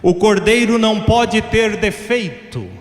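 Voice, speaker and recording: A Brazilian man preaching with fervor, his voice pitched high and often rising to a shout. The sound rings out with the long reverb of a big church hall, bouncing back from the walls. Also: unhurried. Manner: impassioned preaching, bursts of shouting. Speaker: pastor. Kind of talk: sermon.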